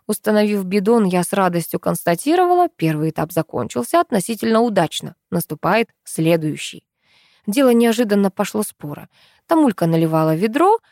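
A woman narrating an audiobook in a wry, expressive storytelling manner. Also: mid-range voice, no room sound, clean studio sound. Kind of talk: audiobook narration with character voices.

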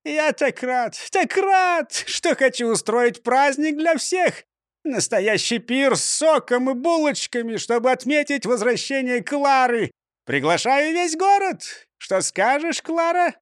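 A man voicing an excitable, jolly mayor in a storybook reading, speaking in drawn-out exclamations. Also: extremely high pitch, no room sound, clean studio sound, pitched above the performer's own voice. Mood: overjoyed.

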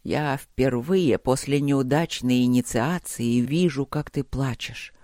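A man voicing a dying old emperor grandfather who speaks gently to his grandson in a slow, breathy whisper, short of breath. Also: medium pitch, no echo, studio quality, pitched below the performer's own voice, close to an everyday voice. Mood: weak, tender.

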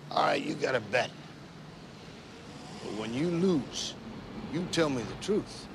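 Gruff blunt cop. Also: male voice, mid-range voice, expressive, slow pace, background noise. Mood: challenging. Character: gruff hard-bitten male cop, challenging. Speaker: police detective. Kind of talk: 1980s action film acting. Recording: film soundtrack with music behind.

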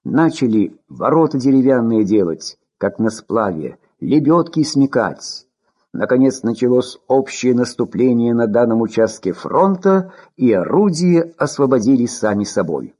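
A man reading war prose aloud as an audiobook narrator, in an expressive storytelling manner. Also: medium pitch, measured pace, breathy edge.

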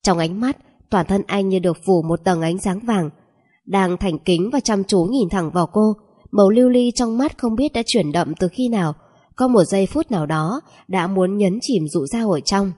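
A woman reads a novel aloud in a steady, even storytelling manner. Her voice is mellow and dark, with a soft breathy grain. The pace stays calm throughout the narration. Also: medium pitch, normal speed.

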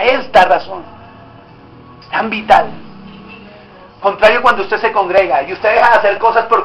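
Pastor guy preaching, high bright voice, firing questions at the crowd, echoey church room. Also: a little hiss or hum. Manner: exhorting, asking the congregation direct questions. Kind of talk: sermon. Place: church hall.

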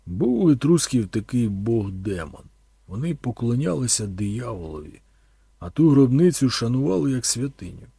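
A stern, weary monk who answers curtly and warns others off, as read by a male narrator. The voice is gravelly and husky, moving freely in pitch, recorded dry. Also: sing-song, normal speed, mellow, dry recording, exaggerated voice. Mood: explaining. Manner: curt, cautioning, dismissive.

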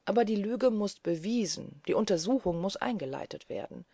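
A woman reading aloud voices a grave, courteous gentleman who speaks in a measured, solemn way. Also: medium pitch, animated, no room sound, clean studio sound.

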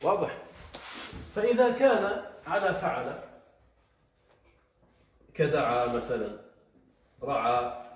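Male grammar teacher with a fairly high voice. He explains patiently and keeps checking with the class. The recording is dull and lo-fi with a faint hiss. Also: very animated, takes it slowly, long pauses, very echoey. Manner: explanatory, checks understanding with repeated questions. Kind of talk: classroom lesson on verb morphology.

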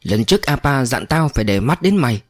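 A man voicing a gruff older man who shouts and scolds a grieving youth, in a spoken story. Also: mid-range voice, big pitch swings, fairly quick, no room sound. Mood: angry scolding.

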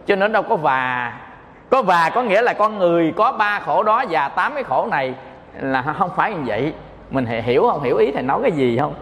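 Man, Buddhist monk with a Southern Vietnamese accent, high voice, playful teaching tone, dharma talk in a reverberant hall. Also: fairly bright tone, a little hiss or hum. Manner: playful, joking, often checks the audience understands.

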